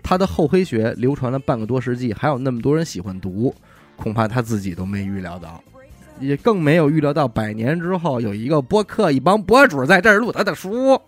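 A man's voice: mid-range voice, a little fast, faint music behind. A man, hosting a podcast and retelling a story in casual chat, often dropping in little 'ai' interjections. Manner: lively retelling with frequent 'ai' interjections and laughs. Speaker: podcast host.

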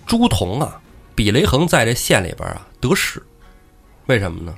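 Male podcast host retelling old tales, animated delivery, middle pitch, faint music behind. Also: normal speed, creaky, slightly rough. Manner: lively, acts out characters. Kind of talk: casual storytelling.

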